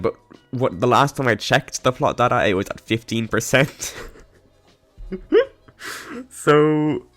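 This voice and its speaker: A man with a hoarse, coughing voice gives a casual, rambling voice-over about a game build, with lots of ums, restarts and giggles. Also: mid-range voice, fairly bright tone. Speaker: game builder narrating a speedbuild. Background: faint background music.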